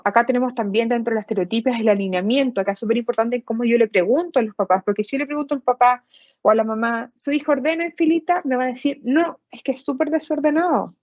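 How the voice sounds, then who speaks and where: A woman's voice: a little high, a little mellow, no room sound, muffled recording. A woman giving a seminar talk, explaining with examples and acted-out quotes.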